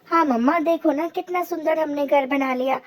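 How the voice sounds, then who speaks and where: Lady doing tiny whiny baby sparrow, super squeaky. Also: normal speed, slight background noise, natural voice. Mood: pleading. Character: small frightened baby sparrows.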